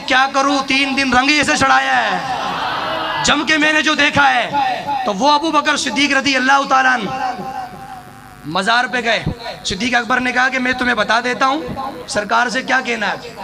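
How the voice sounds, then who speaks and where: A man preaching an impassioned sermon, telling stories with quoted dialogue and building to shouts. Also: very high voice, creaky. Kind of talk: sermon to a live audience. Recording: sermon with a loud crowd behind. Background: crowd.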